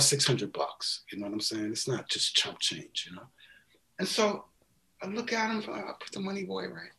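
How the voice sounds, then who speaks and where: A man from New York, a guest musician, telling a story in casual chat with lively, repetitive phrasing and some swearing. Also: mid-range voice. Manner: animated storyteller, repeats words, casual swearing.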